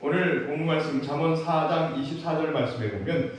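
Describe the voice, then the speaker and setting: Man, pastor, expressive preaching, booming hall reverb from a distant mic. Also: fairly quick. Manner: animated, acts out parents' lines and leads the congregation in call-and-response. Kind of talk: sermon. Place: large church sanctuary. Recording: echoey church hall, distant mic, faint noise.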